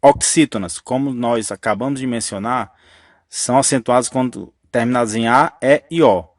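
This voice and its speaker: A man explains grammar rules in a patient, step-by-step teaching voice that keeps restating the key point. His pitch sits in an ordinary middle range. The sound is dry and close, with no room around it. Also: moderate pace, dry recording.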